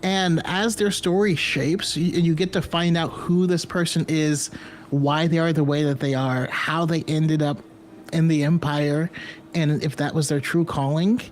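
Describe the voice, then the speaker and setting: A man's voice: on the high side, steady tone, unhurried. A man co-hosting a casual live show, telling stories in a rambling way with many stumbles and restarts. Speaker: podcast co-host. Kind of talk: casual live-stream chat.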